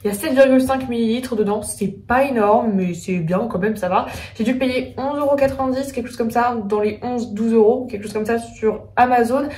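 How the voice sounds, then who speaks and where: A woman's voice: on the high side, a little fast, few pauses, a little mellow. A woman doing a casual makeup tutorial, chatting as she goes with lots of hesitant fillers. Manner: chatty, frequent filler "euh", thinking aloud. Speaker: beauty vlogger. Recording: echoey room, voice a bit far from mic.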